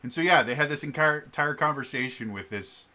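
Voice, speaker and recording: A man with a brisk, bright, forceful voice on the high side chats casually as a vlogger and game master. He explains things in a digressive, storytelling way, like a casual rambling vlog.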